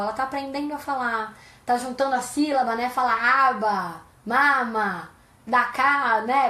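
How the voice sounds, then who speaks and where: A woman's voice: high voice, roomy sound. A Brazilian woman psychologist explaining things in a live-stream chat, asking rhetorical questions as she goes. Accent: Brazilian Portuguese.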